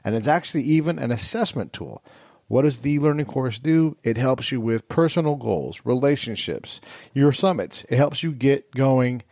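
A man's voice: mid-range voice, animated, normal speed, a little mellow, no echo, studio quality. Upbeat man reading a podcast intro. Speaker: guest host reading the show intro.

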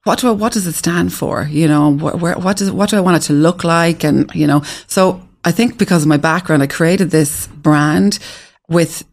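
A woman's voice: lowish voice, normal speed. A woman from the west of Ireland, with that region's accent, tells her story as an interview guest in a casual, emphatic way, often repeating phrases. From west of Ireland (Galway). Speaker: interview guest, restaurant founder.

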